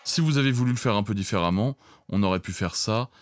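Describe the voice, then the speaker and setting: Speaking straight to viewers into a close microphone, a man gives an informal, colloquial tutorial on audio mixing. His voice is on the low side and quick, with faint music in the background.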